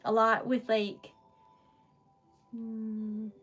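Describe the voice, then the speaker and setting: A woman's voice: a little high, monotone, extremely slow, fairly bright tone, breathy edge, faint music behind. A woman with a Rhode Island accent chatting casually and animatedly as she hosts a livestream, rambling and giggly. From Rhode Island, United States. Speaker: livestream host, independent artist.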